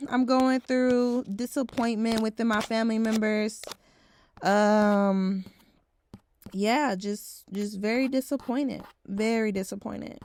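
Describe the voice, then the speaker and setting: A woman around twenty, talking frankly in a casual vlog, swearing now and then and saying "like" a lot. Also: on the high side. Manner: heavy use of filler "like". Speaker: vlogger.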